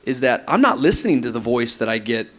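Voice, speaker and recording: A man's voice: mid-range voice, very animated, quick pace, a bit bright. A man in his thirties, a pastor speaking on a conference stage panel, talking with energy and laughing as he mimics couples. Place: large room with audience on stage.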